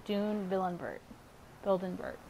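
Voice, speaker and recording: A woman's voice: medium pitch, animated, unhurried, creaky, dark tone, slight background noise. A woman doing casual gameplay commentary and reading game notices aloud. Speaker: let's play gamer.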